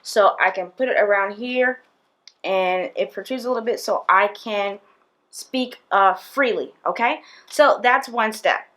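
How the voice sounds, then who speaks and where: A young woman who teaches PE hosts a casual talking-head tips video, speaking to the camera from a small indoor room. Her delivery is chatty and direct, packed with fillers and asides to viewers. Her mid-range voice is a little slow with a sharp tone.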